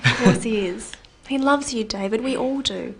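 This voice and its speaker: A woman's voice: on the high side, normal speed, a little hiss or hum, natural voice. Actress playing a reassuring woman friend. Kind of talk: scripted learner drama.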